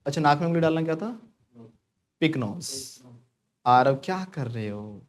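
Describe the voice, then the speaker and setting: A man's voice: fairly high pitch, animated, measured pace. A man from India teaching spoken English to a class in Hindi, joking and pushing his students to repeat English phrases after him.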